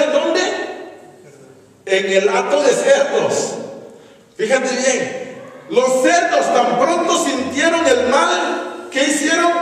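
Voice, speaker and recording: Man, pastor, lively sermon, high voice, very echoey hall. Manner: animated, rhetorical, calls on the congregation. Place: church hall. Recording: echoey church hall from far off.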